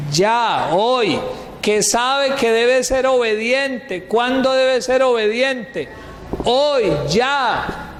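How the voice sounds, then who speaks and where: A man's voice: extremely high pitch, a bit bright. A man preaching a sermon as a pastor, asking the congregation questions, answering them himself, and calling listeners brother. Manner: keeps addressing listeners as "brother". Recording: echoey hall with long reverb, faint noise.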